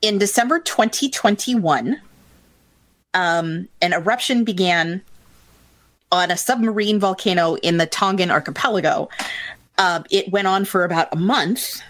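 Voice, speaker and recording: A woman co-hosting a radio show, delivering facts in a calm, matter-of-fact tone. Her voice sits in a middle range and sounds dry and close. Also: mid-range voice, measured pace, no room sound. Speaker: radio co-host. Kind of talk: on-air fact-checking.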